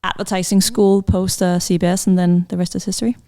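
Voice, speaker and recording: Woman in her thirties, smooth clear voice, thoughtful, lots of uhs, podcast guest. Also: on the low side, little pitch movement, fast, mellow. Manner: thoughtful, many fillers and restarts. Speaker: panel guest, brand strategist. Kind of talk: conversational podcast answer.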